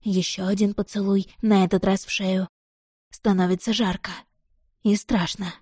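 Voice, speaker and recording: A woman narrating a first-person novel as an audiobook, expressive and tense. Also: mid-range voice, normal speed, breathy edge, no echo, studio quality.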